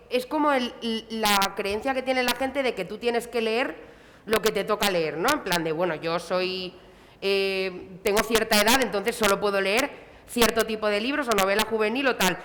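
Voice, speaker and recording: A woman's voice: on the high side, a bit bright. A woman, talking animatedly on a convention panel and acting out quotes in a mocking voice. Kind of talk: casual panel talk. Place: convention hall. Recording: reverberant hall, faint noise.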